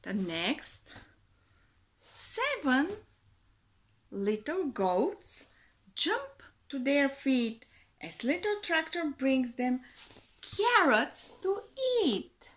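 A woman teacher in her forties reads a picture book aloud to small children, lingering on every word. Her voice sits high and swoops up and down in a lively sing-song lilt. She is recorded close up on a webcam in a small room. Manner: slow, expressive storytime reading with a sing-song lilt.

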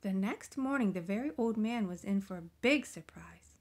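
A woman reading a children's picture book aloud, gentle and expressive, often dropping into soft whispers. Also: mid-range voice, moderate pace. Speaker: storybook reader.

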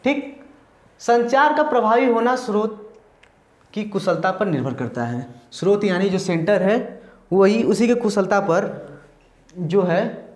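In an echoey room, a teacher delivers a recorded classroom-style lecture step by step, repeating points often and checking in with "ठीक" before moving on, while blending English terms with Hindi ones. The voice is medium-pitched and a little mellow, with lively intonation, a measured pace, and frequent pauses.

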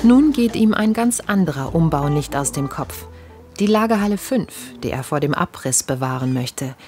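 Woman narrating a documentary, low-pitched. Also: animated, moderate pace, music in the background. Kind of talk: scripted narration.

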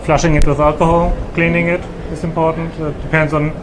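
A man on a trade show panel, methodically listing maintenance steps in a measured way. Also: on the high side, flat delivery. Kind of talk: technical panel discussion. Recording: trade show background noise.

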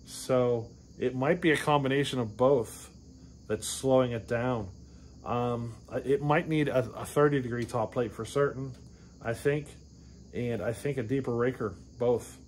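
A man in his forties talks chainsaw chains to the camera inside his garage workshop. His voice sits in an ordinary middle pitch, and he rambles, backtracks and keeps checking in with "you know what I mean". Faint crickets chirp in the background. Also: fairly even intonation, measured pace, a little hiss or hum. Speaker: chainsaw channel host. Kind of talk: casual shop talk to camera.

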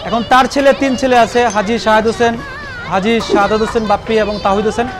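A man talking through a face mask, speaking hesitantly with many pauses and filler sounds. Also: high voice, steady tone. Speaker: grandson of a restaurant founder. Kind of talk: casual interview talk. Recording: loud crowd and music behind.

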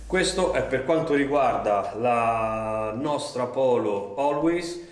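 A man's voice: mid-range voice, lively intonation, takes it slowly. A man in his thirties presenting a product, explaining step by step with frequent fillers and "right?" check-ins. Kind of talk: product demonstration. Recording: roomy studio echo.

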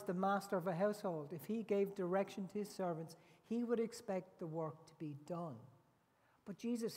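Slow, deliberate male preacher in a reverberant hall. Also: sits high, darkish tone. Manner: deliberate, with rhetorical tag questions. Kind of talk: sermon. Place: large indoor church hall.

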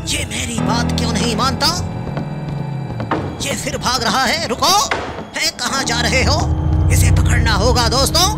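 A man giving cartoon-style game commentary, calling out loudly and pleading urgently. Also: very high-pitched, gravelly. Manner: loud, urgent calls and pleading. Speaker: gaming commentator.

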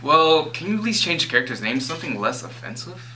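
A young man in an amateur student skit plays an indignant actor who argues his point. His voice is bright. It sounds recorded in an echoey room from a little way off, with faint noise. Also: on the high side, big pitch swings, fast. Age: young adult. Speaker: student actor playing an auditioning actor. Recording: roomy, distant, faint noise.

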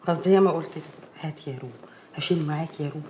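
A woman's voice: low voice, very fast, warm tone, roomy sound, a little hiss or hum, natural voice. An actress playing a worried but reassuring woman friend, speaking insistently with an Egyptian accent. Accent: Egyptian Arabic.

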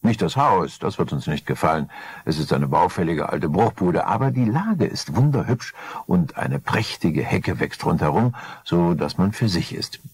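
In an audiobook crime story, a man voices a smooth, scheming husband who is ingratiating and calculating. The gravelly voice is low-pitched and sing-song, with a darkish tone and a moderate pace.

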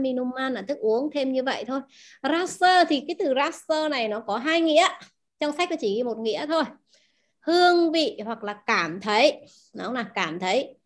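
A woman teaching a language class, explaining words and asking her students questions often. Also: high-pitched. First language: Vietnamese. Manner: asks the class questions, repeats key words.

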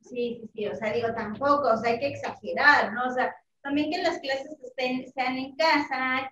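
A woman's voice: high voice, a bit bright, echoey room, distant mic, lo-fi sound, a little hiss or hum. A woman hosting a casual panel chat, talking in a chatty, agreeable way and laughing easily.

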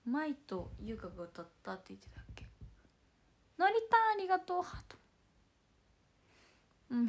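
A young woman with a hoarse, worn-out voice, chatting casually on a livestream and thanking fans by name. She slips back and forth between bright greetings and breathy half-whispers. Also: fairly high pitch. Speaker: idol livestream host. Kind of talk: casual livestream chat reading fan comments.

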